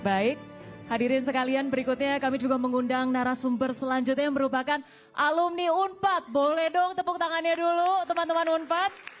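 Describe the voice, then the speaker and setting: A woman's voice: high-pitched, steady tone, a little fast, soft background music. A young woman hosting a live campus talk show on stage, bantering and teasing the student audience. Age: young adult. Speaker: event host.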